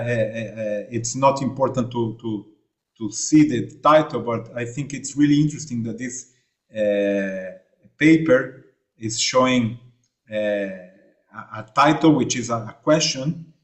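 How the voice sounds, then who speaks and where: A man from Argentina addresses a seminar from afar over a video call. His delivery is halting, full of fillers and restarts, at an ordinary middle pitch. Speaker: invited remote speaker. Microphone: remote video call.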